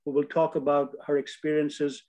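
A man's voice: on the high side, little pitch movement, normal speed, music in the background, rough recording. Older man hosting a webinar. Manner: formal, with hesitant "uh"s. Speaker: webinar host. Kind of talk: reading an introduction. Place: home room. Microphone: video call.

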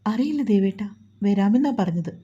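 Woman doing a nervous young mom, soft and sorry, mellow lo-fi voice. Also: medium pitch, lively intonation, normal speed, breathy edge. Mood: timid. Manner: soft, apologetic. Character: timid young mother, anxious to please.

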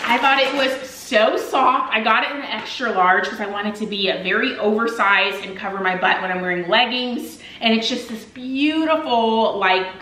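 Young female vlogger, bright upbeat chatter, casual haul talk, roomy kitchen sound. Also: medium pitch, slight background noise. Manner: upbeat, chatty, addresses viewers as "you guys". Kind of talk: casual haul video chat. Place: home kitchen, indoors. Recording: echoey room.

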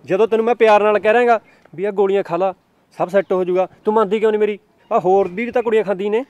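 A man's voice: medium pitch, expressive, quick pace, darkish tone, dry recording, close to an everyday voice. A young man playing a selfish boyfriend in a short film, dismissive and coaxing by turns. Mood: angry. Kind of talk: scripted film dialogue.

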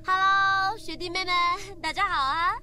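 A woman's voice: very high voice, steady tone, unhurried, pushed and bright, soft background music, exaggerated voice. An actress playing a cheerful young woman hosting a livestream in a video game, upbeat and presenter-like.

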